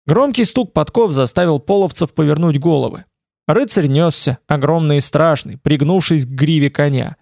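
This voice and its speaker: A man narrating an adventure novel aloud as an audiobook, in steady storytelling. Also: a little high, normal speed, vocal fry, no echo, clean studio sound. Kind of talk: scripted narration.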